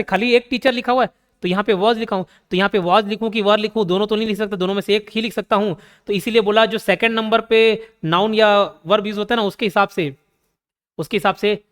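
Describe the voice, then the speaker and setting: A man's voice: sits high, a bit bright, clear, resonant tone, big-room sound. A man with a Chhattisgarh Hindi accent teaching a grammar class, explaining step by step and asking and answering his own questions. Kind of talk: grammar lesson.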